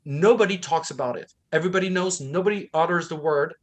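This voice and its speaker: Speaking fast in a voice on the high side, this co-host of a book discussion grew up in Thailand. He is impassioned and talks with conviction. When he quotes people, he acts them out.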